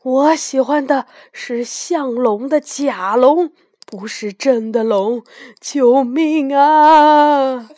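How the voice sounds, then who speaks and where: Frightened storybook nobleman, shrill and fleeing; woman narrator voices him. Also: slow, no echo, clean studio sound. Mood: terrified. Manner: panicked shouting. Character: frightened old-time nobleman who loves fake dragons.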